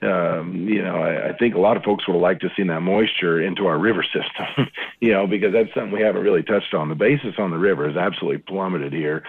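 A man's voice: low voice, fast talker, gravelly, slightly rough. A man answering interview questions over the phone as a market analyst, talking in a loose conversational way with lots of fillers and restarts. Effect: speaking over the phone. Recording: tinny phone line.

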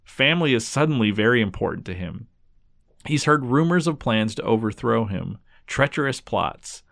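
Man playing young cartoon princess, condescending, formal, measured, imperious, dry recording. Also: medium pitch, lively intonation, creaky, a bit bright, dry recording. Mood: cool command.

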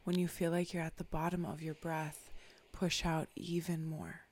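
A meditation guide leading a guided meditation, often whispering soft, calm instructions. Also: mid-range voice, normal speed.

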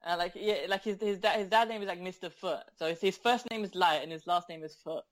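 Talking fast in a voice that sits high, this man co-hosts a laid-back podcast. His storytelling is animated and full of giggles.

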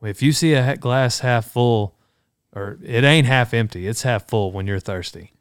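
A man's voice: mid-range voice, moderate pace, smooth, dry recording, studio quality. A man hosting a podcast in a casual, conversational style. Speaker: podcast host.

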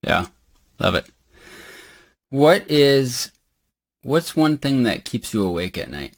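A man hosting a casual interview, affirming his guest and feeling his way haltingly into questions. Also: medium pitch, big pitch swings, no room sound. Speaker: podcast host, interviewer.

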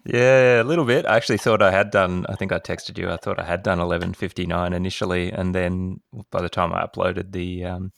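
A man's voice: low voice, little pitch movement, fairly quick, creaky, hardly any pauses, fairly bright tone, dry recording, studio quality. An Australian man hosting a running podcast in casual, upbeat chat with his co-host.

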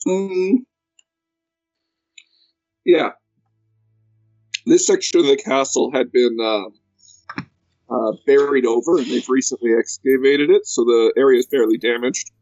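A man narrating a tabletop game as game master, measured and hesitant with frequent pauses. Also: mid-range voice, darkish tone, no room sound, lo-fi sound, faint music behind.

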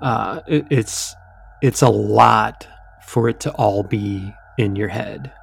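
Man, gravelly voice, low, loose profane podcast chat, reads spooky stories. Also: takes it slowly. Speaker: podcast co-host.

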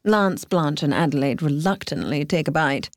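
A woman's voice: low voice, lively intonation, moderate pace, no room sound, studio quality. A woman giving scripted narration of a story in a playful storytelling manner.

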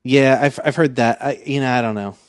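A man's voice: medium pitch, steady tone, a little fast, dry recording, clean studio sound. A married man chatting casually on a podcast, earnest and rambling with fillers. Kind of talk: casual chat.

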